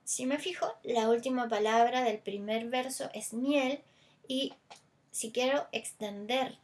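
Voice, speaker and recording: A woman's voice: on the high side, takes it slowly. A Chilean woman teacher explaining a lesson, stretching stressed vowels to demonstrate them and talking things through with small fillers. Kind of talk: recorded language lesson.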